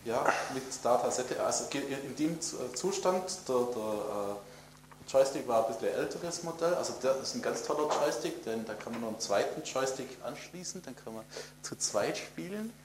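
A man's voice: medium pitch, lively intonation, normal speed. A man in his fifties talks eagerly about old computers, stumbling and restarting as he goes. His mid-range voice sits in a roomy, echoing space. A faint hum runs behind him. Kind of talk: casual retro computing chat.

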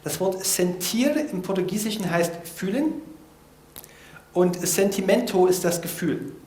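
In an echoey room, a man with a high, slightly mellow voice speaks a little slowly but animatedly. He's a language learner sharing vocabulary notes informally, explaining foreign words to listeners as he thinks aloud and hesitates often.

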